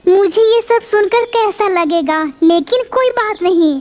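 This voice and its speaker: A squeaky, very high cartoon parrot girl who snaps and bristles at everyone, voiced by a woman. She talks in a shrill, quarrelsome way. Faint hiss sits under the voice. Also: unhurried, darkish tone. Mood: vengeful. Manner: shrill, snapping and vengeful. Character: quarrelsome hot-tempered female parrot. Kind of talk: cartoon voice acting.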